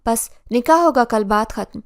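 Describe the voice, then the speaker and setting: A woman's voice: fairly high pitch, no echo, clean studio sound, lightly acted. A woman voicing a stern old grandmother. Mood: harsh. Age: older. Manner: harsh, unbending, commanding.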